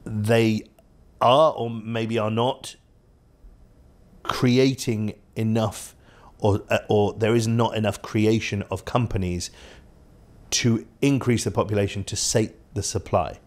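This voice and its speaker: A man co-hosting a casual podcast chat on property markets, who speaks in quick bursts with joking asides and restarts. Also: fairly low pitch, fairly even intonation.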